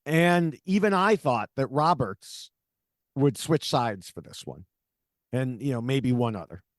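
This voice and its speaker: A man's voice: medium pitch, expressive, a little slow, no echo, clean studio sound. A man co-hosting a political podcast, talking casually with sarcasm and exasperation and lots of fillers. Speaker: podcast co-host.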